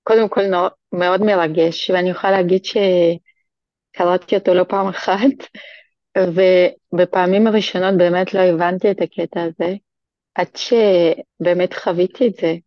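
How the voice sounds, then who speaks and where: A woman's voice: on the low side, fairly even intonation, dry recording, lo-fi sound. A woman speaking as a podcast guest in an earnest, hesitant way, with many restarts. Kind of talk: casual podcast chat.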